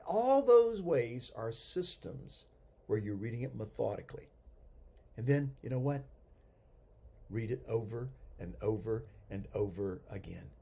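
A man in his sixties teaches a sermon as a pastor, driving points home by repeating words. His voice is husky and mellow. His pitch swings widely as he emphasizes. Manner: animated teaching with emphatic repetition.

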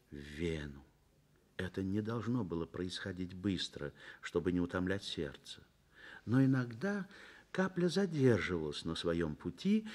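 In a Soviet radio drama, a man with a lowish voice narrates like an earnest literary storyteller. His delivery is expressive and measured, swelling up and then dropping to a hush.

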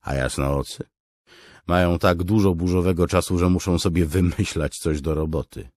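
A man narrating a fantasy audiobook in a measured, steady way. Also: deep voice, dry recording.

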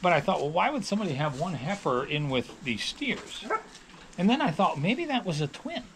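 A man's voice: a little high, sing-song, normal speed, fairly bright tone, a little hiss or hum. A middle-aged man, a dairy farmer, telling stories in a casual, rambling way, with many restarts. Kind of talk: casual storytelling. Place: on a farm, near calves.

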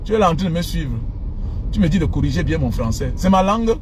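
A social media commentator in his thirties, with a Cameroonian French accent and an African mother tongue, rants to his followers from inside a car. His voice is a little high and fast, animated, indignant and mocking, recorded on a phone held at arm's length amid noisy road traffic.

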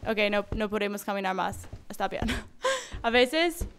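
A woman's voice: medium pitch, animated, unhurried, a bit bright, a little hiss or hum. A woman commenting as she plays a horror game, reading notes aloud and reacting with gasps and screams. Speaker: gamer playing a horror game.

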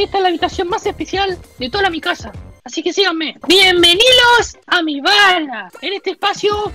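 A woman voicing a boastful, lonely male talking tomato can with an Argentine accent, in a comic house-tour sketch, cheeky and self-pitying. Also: very high-pitched. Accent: Argentine Spanish.

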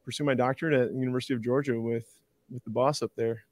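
A Canadian man in his thirties speaks in an eager, casual guest manner, often restarting and circling his point. His voice sits at an ordinary middle pitch. The sound is dry and close, with no room around it. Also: fairly even intonation, racing, darkish tone, no echo. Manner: eager, rambling, many restarts. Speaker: university director of bands, guest. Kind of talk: casual interview chat.

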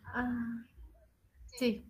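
A woman's voice: fairly high pitch, monotone, very slow. A woman student in an online class over a video call, repeating words carefully and hesitantly.

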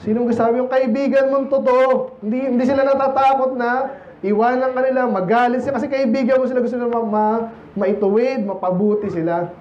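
High-voiced Filipino preacher in an echoey church. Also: male voice, fairly even intonation, brisk, a little mellow. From Philippines. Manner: conversational, teasing, many rhetorical questions to the congregation. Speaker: pastor. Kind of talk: sermon. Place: church sanctuary. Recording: echoey, muffled church recording.

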